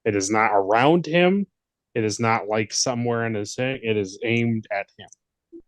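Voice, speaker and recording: A man narrating as game master of a tabletop role-playing game, relaxed and quick to laugh. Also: mid-range voice, slight background noise.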